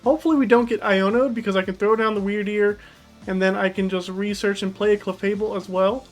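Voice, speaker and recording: A woman's voice: mid-range voice, steady tone, brisk. A woman giving casual commentary on her card game deck, chatty and thinking aloud as she plays. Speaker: gaming YouTuber. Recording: faint background music.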